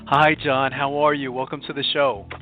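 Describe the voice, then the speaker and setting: A man's voice: medium pitch, little pitch movement, moderate pace. A man hosting an interview show, talking in a chatty way with many fillers and restarts. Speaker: podcast host. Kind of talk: phone interview. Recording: tinny phone-line sound.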